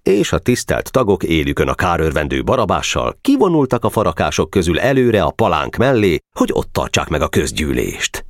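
Low-voiced male narrator, wide-ranging, dry close recording. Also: huge pitch swings, few pauses, dry recording. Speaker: audiobook narrator. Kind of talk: audiobook narration.

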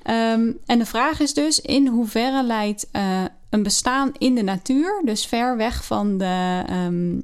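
A woman explaining a research study in a casual conversation, often pausing with fillers and restarting her sentences. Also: fairly high pitch, clear, resonant tone. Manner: hesitant, many fillers and restarts. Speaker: co-host discussing a research article.

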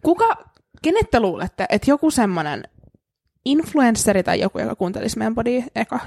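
A woman's voice: creaky, breathy edge. A woman co-hosting a podcast in casual chat, telling stories and acting out what people said. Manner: animated storyteller, acts out quotes in a high voice. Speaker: podcast co-host.

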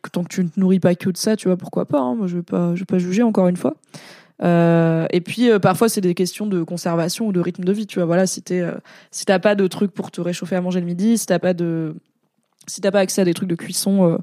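A woman's voice: on the low side, mellow, no room sound. Give me a woman streamer chatting casually, full of fillers, recorded close and dry. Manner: chatty and rambling, with many fillers and asides. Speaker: streamer and content creator. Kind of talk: casual live-stream chat reading comments.

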